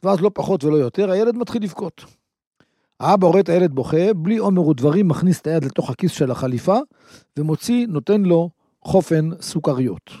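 A man preaches to listeners, building a lesson through stories and rhetorical questions. His voice sits fairly high. The recording is dry and close. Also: animated, warm tone, no echo. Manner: storytelling, rhetorical questions, checks in with "right?". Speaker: rabbi or preacher. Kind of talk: sermon addressed to listeners.

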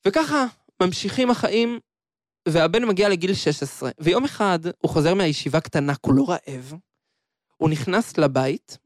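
A man preaching an impassioned sermon, telling a story and slowing down on quoted scripture. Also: fairly high pitch, no echo, studio quality. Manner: impassioned, slows down on quoted verses.

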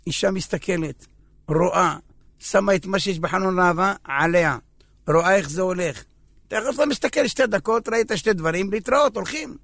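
A man's voice: high voice, vocal fry, a bit bright, no echo, studio quality. A man giving a humorous religious talk, acting out everyday scenes between men and women. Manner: joking storyteller acting out scenes. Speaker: religious speaker. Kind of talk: humorous sermon.

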